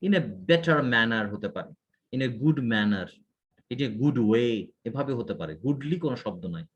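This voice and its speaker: Husky man giving IELTS feedback. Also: medium pitch, expressive, measured pace, highs cut off. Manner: corrective, explains mistakes point by point. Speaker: IELTS speaking tutor. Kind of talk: one-on-one feedback lesson.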